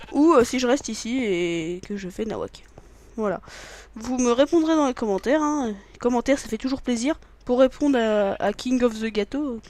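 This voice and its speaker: A man giving rambling, joking let's play commentary, punning, swearing casually and talking to himself and his viewers. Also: very high voice. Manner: swears casually, bursts into loud exclamations. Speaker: gaming video maker.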